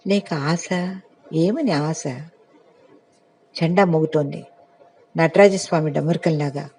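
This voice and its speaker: Gravelly man reading a literary story. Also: high-pitched, warm tone. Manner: measured, reflective reading.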